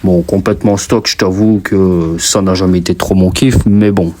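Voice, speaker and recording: A man's voice: sits low, steady tone, normal speed, a little mellow. A man with a Belgian French accent, talking casually to camera in his basement workshop, informal and chatty. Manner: chatty, informal, calls the viewer "mon copain". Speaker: YouTuber and mechanic. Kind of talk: casual vlog talk to camera.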